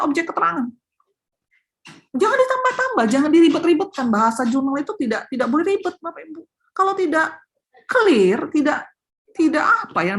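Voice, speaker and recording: A woman with a high, lively voice gives a lecture on academic writing, apparently as a guest speaker on a webinar. She is a professor and invited speaker, animated in manner, who repeats her main points for emphasis and addresses the audience directly.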